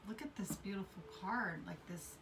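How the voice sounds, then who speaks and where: Casting: woman tarot reader, mid pitch, loose rambling delivery full of fillers, faint noise behind. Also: moderate pace, a bit bright, recorded from a distance. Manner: rambling, repeats words, many fillers. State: coughing fits. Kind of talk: casual tarot reading to camera.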